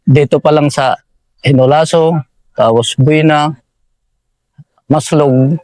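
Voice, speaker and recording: A man's voice: fairly high pitch, steady tone, slow pace, darkish tone, dry recording. A man from Eastern Samar, recounting a war story to his interviewer and addressing him as sir at almost every phrase. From Eastern Samar, Philippines. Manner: deferential, says "sir" constantly. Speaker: militiaman guest.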